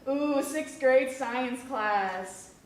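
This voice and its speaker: Speaking extremely slowly in a high voice, a young Kentucky woman in her twenties who works as a museum education specialist gives a casual interview packed with fillers. The audio was captured from afar in a room with echo.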